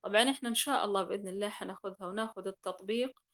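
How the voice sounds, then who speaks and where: A woman's voice: medium pitch, racing. A woman teaching Quran recitation rules in a class, explaining patiently, repeating key points and sounding out examples.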